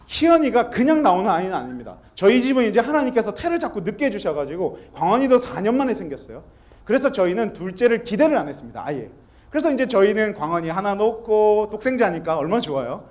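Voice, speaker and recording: A man's voice: high voice, a little mellow. A man in his thirties, a pastor, giving a sermon full of family stories and questions to the congregation. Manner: storytelling, acting out family dialogue.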